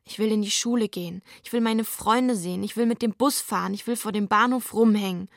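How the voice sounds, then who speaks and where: A woman voicing an angry, sharp-tongued teenage girl who scolds and curses her younger brother. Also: medium pitch, fairly even intonation, brisk, vocal fry, no room sound, studio quality, natural voice. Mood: desperate. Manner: scolding, cursing, heated.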